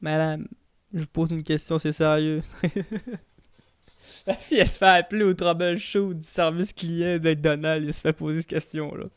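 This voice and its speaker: A young man with a Québécois French accent, co-hosting a casual podcast chat, animated and teasing with frequent laughs. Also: on the high side, normal speed, clean tone, dry recording, clean studio sound. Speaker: podcast co-host.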